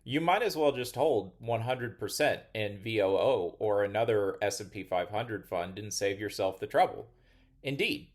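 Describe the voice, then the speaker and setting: A man hosting an investing channel, giving measured, critical finance commentary in a scripted style. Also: fairly low pitch.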